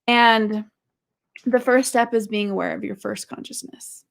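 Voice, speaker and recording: Young woman course host, gravelly, mid pitch, casual and candid, tells personal stories. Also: fairly even intonation, a little slow. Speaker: podcast host and marriage course teacher. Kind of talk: casual teaching talk.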